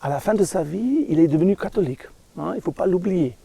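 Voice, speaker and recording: Halting German-accented man, very dark creaky voice. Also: high-pitched, animated. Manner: halting, searching for words, with tag questions. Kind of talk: rambling monologue to an audience.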